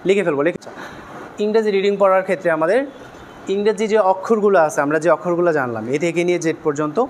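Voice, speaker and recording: A man's voice: high-pitched, very fast, a little hiss or hum. A young man teaching a beginner class in a classroom, quizzing the students with repeated questions. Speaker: English teacher.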